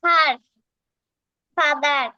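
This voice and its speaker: A student reading a list of words slowly and haltingly, one at a time. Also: sits high, fairly even intonation, sharp tone, no room sound, muffled recording.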